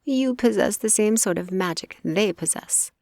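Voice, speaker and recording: A woman voicing a sly, cruel old witch in an audiobook who speaks in a measured, mocking tone. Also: mid-range voice, a little mellow, no echo, studio quality, voice pushed up, natural voice.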